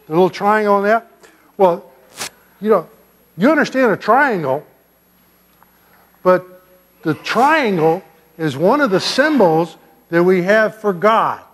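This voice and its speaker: An older man, a pastor giving a children's sermon in a church sanctuary, gently and playfully asking the kids questions. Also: high-pitched, animated, takes it slowly, pauses often. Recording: long church reverb.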